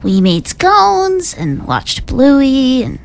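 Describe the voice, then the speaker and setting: Old grandmother, played by a young female, crinkly voice, slow halting reminiscence. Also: high-pitched, huge pitch swings, gravelly, heavily acted. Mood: fond, halting.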